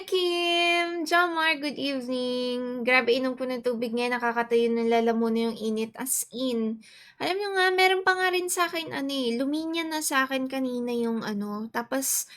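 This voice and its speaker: A Filipino woman in her forties with a Filipino accent, chatting casually on a livestream and greeting viewers; her voice is soft and quiet, her throat a bit sore. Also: a little high. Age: 40s. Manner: chatty, mixes Tagalog and English, greets viewers by name. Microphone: earphones with mic.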